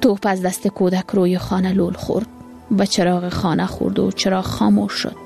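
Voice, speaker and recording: A woman narrating a story in a calm, measured way. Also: medium pitch, creaky, music in the background.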